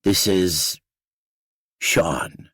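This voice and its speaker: A man voicing a blunt, guarded young woman around twenty in an audiobook, speaking curtly in a low, gravelly voice. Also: very slow, fairly bright tone, dry recording, studio quality, exaggerated voice. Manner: curt and brusque. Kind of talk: audiobook character voice.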